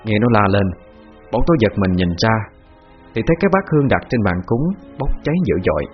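Male narrator, rapid casual storytelling, slightly muffled audio with faint music. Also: on the low side, very animated. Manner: casual, joking storytelling, switching into friends' voices. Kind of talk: first-person spoken narration with voiced dialogue.

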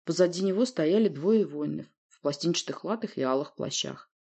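A woman reading a fantasy novel aloud in first person, in an even storytelling manner. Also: sits low, a little fast, slightly rough. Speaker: audiobook narrator. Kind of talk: scripted narration.

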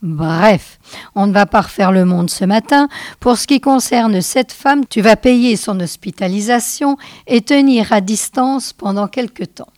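A woman voicing a calm, wise older man who settles disputes, speaking with patient authority. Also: mid-range voice, unhurried, no room sound, studio quality, natural voice. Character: calm, wise older male community elder.

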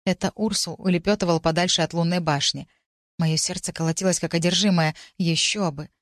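A woman giving a steady, expressive first-person narration of a fantasy audiobook. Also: lowish voice, fairly quick, no echo, clean studio sound.

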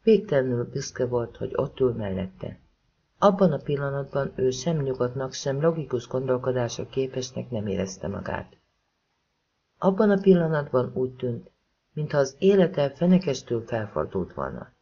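Husky, gravelly male audiobook narrator. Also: medium pitch, big pitch swings, warm tone, lo-fi sound. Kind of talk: scripted narration.

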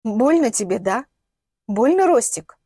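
A woman's voice: very animated, unhurried, slightly rough, no echo, studio quality, exaggerated voice. Woman voicing a shrieking, scornful mother. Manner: shrill, scornful shouting.

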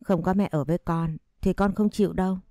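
A woman's voice: on the low side, steady tone, a little fast, dark tone, no echo, studio quality, close to an everyday voice. A woman reading a tearful little girl pleading. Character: pleading ten-year-old girl. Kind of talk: audio story reading.

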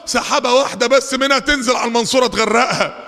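A fiery Egyptian man delivers a Friday sermon in a high, bright voice with a gravelly edge. He races through asides, then stretches out verses in a shouting chant. His voice rings with the long reverb of a big hall. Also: very fast. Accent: Egyptian Arabic. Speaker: preacher.

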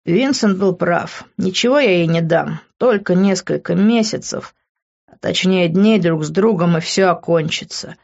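A woman voicing a gloomy, self-doubting young man who speaks in a low-key, muttering way. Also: measured pace, creaky, darkish tone. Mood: brooding. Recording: dull lo-fi recording.

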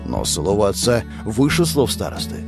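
A man playing a gentle, devout tree demon father who speaks quietly and with sighs, over guitar music. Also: lowish voice, wildly swooping pitch, normal speed, gravelly, full character voice. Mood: pleading. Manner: quiet, sighing, whispering. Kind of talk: audiobook character voice.

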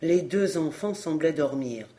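A reader narrating a nineteenth-century novel in a measured, solemn way, as an audiobook. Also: medium pitch, lively intonation, dark tone.

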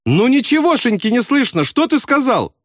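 Chubby half-deaf airman, shrill and carefree, shouting back, as a male narrator voices him. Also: big pitch swings, normal speed, dry recording, studio quality, exaggerated voice. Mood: oblivious. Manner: shouting cheerfully, oblivious. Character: chubby, cheerful, hard-of-hearing male airman.

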